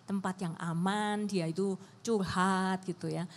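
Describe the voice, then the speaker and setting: A woman's voice: medium pitch, fairly even intonation, unhurried, long reverb tail. A middle-aged woman speaking at a church family seminar, chatty and loose, with many fillers and restarts. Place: church hall.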